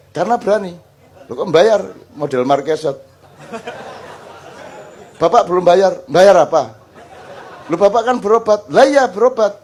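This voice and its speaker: An older man preaching to a gathering, animated and joking, acting out little dialogues. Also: high voice. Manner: animated, joking, mixes in Javanese phrases, acts out dialogues. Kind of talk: lively Islamic study talk before a crowd.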